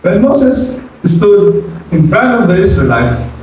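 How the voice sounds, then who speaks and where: A man's voice: high voice, very animated, takes it slowly, a little mellow, slight background noise. A man preaching a sermon as pastor, dramatic and switching into English, who acts out quotes in a raised voice. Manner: mixes English into local speech. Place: church service. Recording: echoey hall, mic from far off.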